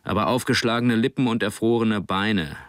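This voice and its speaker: A man voicing a proud middle-aged father in an audiobook, speaking slowly and fondly. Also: lowish voice, a bit bright, no echo, studio quality, voice pushed up, lightly acted. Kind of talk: audiobook character reading.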